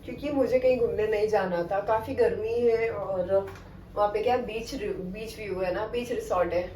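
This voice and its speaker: A woman's voice: medium pitch, fairly even intonation, moderate pace, mellow. A young woman talking casually to her viewers in a chatty home vlog. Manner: chatty, addresses viewers directly. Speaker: vlogger. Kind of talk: casual vlog talk to camera. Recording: echoey room, voice a bit far from the mic, faint background hum.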